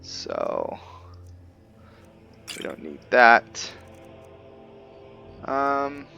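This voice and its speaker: Narrating his own roleplay playthrough, this gamer muses casually as he plays, his medium voice swooping wildly in pitch, very slow, creaky, pushed and bright. Game music plays in the background of a slightly muffled recording.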